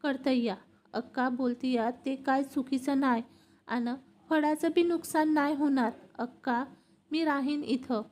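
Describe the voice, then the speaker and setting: A woman voicing a quiet, resolved young village girl who speaks calmly and softly. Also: high voice, measured pace.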